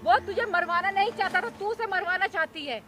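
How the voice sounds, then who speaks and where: A woman's voice: very high voice, fairly quick, bright, forceful tone, slight background noise. An older woman acting a scolding mother in a staged drama, lecturing.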